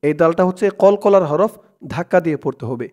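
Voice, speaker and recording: A man teaching Quran reading, chanting verses slowly syllable by syllable and then explaining pronunciation rules plainly. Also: on the high side, animated, darkish tone. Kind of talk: slow recitation lesson, syllable by syllable.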